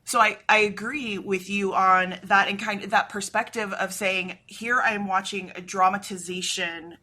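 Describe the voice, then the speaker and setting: A woman's voice: mid-range voice, fairly even intonation, moderate pace, pushed and bright. A woman co-hosting a podcast in casual chat, talkative and often checking in with "right?". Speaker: podcast co-host.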